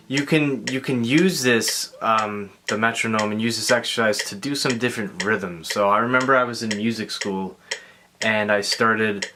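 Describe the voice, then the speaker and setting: A man giving a casual guitar lesson, talking in a relaxed, halting way with many fillers and restarts. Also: on the low side, background noise. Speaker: guitar teacher. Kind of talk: casual instructional talk. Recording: clear guitar playing behind the voice. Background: guitar and metronome.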